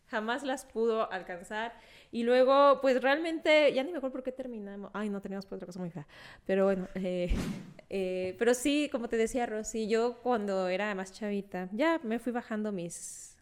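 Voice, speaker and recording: A young woman hosting a podcast, telling anecdotes in a lively, animated way, acting out quotes and laughing often. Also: a little high. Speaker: podcast host. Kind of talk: casual chat.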